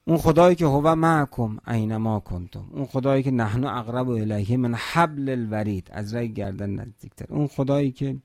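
A man's voice: medium pitch, gravelly, few pauses, a little mellow, no echo, clean studio sound. A man preaching a religious sermon at a mourning gathering, emphatic, asking rhetorical questions and quoting scripture in Arabic.

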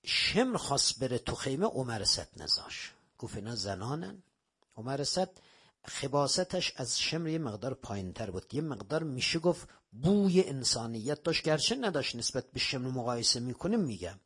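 A man preaching a sermon, telling religious stories dramatically, swinging between raised exclamations and hushed lines. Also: mid-range voice, big pitch swings, slightly rough.

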